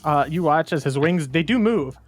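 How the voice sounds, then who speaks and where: A man's voice: a little high, expressive, normal speed, no room sound, soft background music. A man narrating as game master of a tabletop game, loose and rambling, often laughing.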